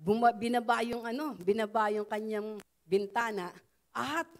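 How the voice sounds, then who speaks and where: Filipino lady, middle-aged, slightly high voice, telling her church testimony all chatty with lots of "no?". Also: steady tone, normal speed. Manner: conversational, frequent "no?" tags and fillers. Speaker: church member giving testimony.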